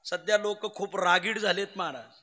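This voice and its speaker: A man's voice: high voice, steady tone, normal speed, sharp tone, in a large hall. A man preaching a devotional kirtan sermon, telling stories with humour and chanting verses.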